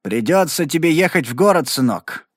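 A stern, gruff sheriff with a gray mustache, as a male audiobook reader voices him, demanding and firm. His voice sits a bit high for a man, and the recording is dry and close. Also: animated, moderate pace, no echo. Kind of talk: audiobook reading.

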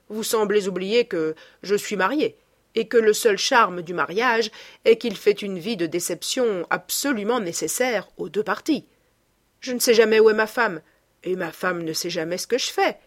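A woman's voice: mid-range voice, no room sound, studio quality, lightly acted. A woman reading aloud as a cynical, witty young aristocrat who talks with playful irony. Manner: ironic, playful.

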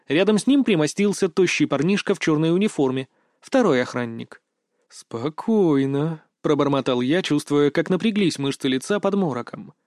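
A man narrating a first-person fantasy story in a steady, even storytelling read. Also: a little high, no room sound, studio quality. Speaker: audiobook narrator.

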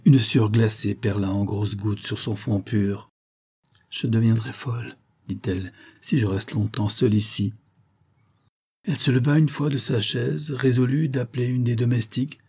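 A man narrating a novel as an audiobook in a measured, dramatic reading. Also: on the low side, mellow, breathy edge.

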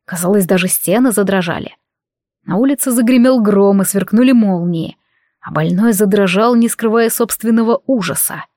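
A woman reading a fantasy audiobook aloud in steady scripted narration. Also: medium pitch, normal speed.

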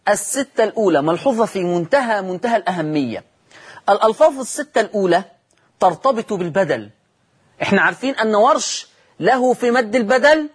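An Egyptian man teaching Quran recitation rules in a televised lesson. He asks the audience questions, answers them himself, and draws out example words slowly. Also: high-pitched, husky.

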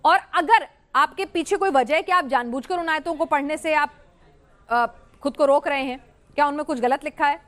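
A woman's voice: high-pitched, fairly bright tone. A woman anchoring a heated televised debate, pressing her guests insistently and repeating words to cut in.

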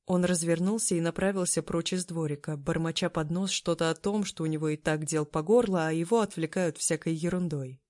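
An audiobook narrator reading a first-person story in a steady, even way. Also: medium pitch, fairly quick, hardly any pauses.

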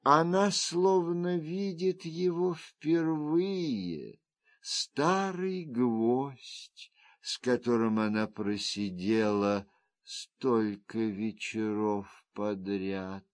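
A man reading a sad, weary noblewoman in an audiobook, in a low, slow, tired murmur. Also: no room sound.

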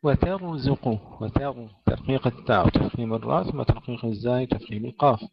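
Gravelly-voiced male Arabic tajweed teacher. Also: mid-range voice. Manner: slow deliberate demonstration of pronunciation, drawn-out recited words. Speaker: Quran recitation teacher. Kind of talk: tajweed lesson with recited verses. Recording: dull lo-fi recording.

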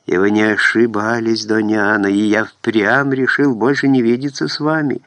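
A man reading an audiobook voices a remorseful young nobleman who confesses his love in an earnest, halting way. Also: lowish voice, steady tone, a bit bright, dry recording, close to an everyday voice.

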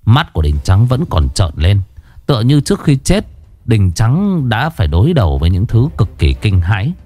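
A man's voice: lowish voice, normal speed, no room sound. A man narrating a crime story in a dramatic, scripted way. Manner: expressive, dramatic.

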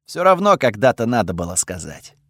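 A man voicing a snarky, sharp-tongued male god spirit in an audiobook, curt and sarcastic, with a lively swinging pitch and a dry close sound. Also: a little fast, no echo. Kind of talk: audiobook character voice.

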